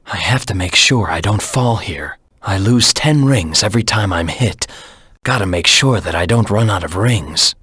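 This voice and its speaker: A man voicing a brooding, proud hedgehog antihero in a video game, grim and terse, with a low husky rasp. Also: animated, normal speed, sharp tone, full character voice. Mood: cocky, determined. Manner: grim, terse, self-serious. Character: brooding, proud anthropomorphic hedgehog antihero, the ultimate life form. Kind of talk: video game character voice lines.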